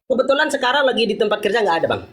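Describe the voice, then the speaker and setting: A man's voice: sits high, sing-song, racing, a bit bright. A man from Lombok in a debate call from his workplace, polite but insistent when rebutting. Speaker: debate guest.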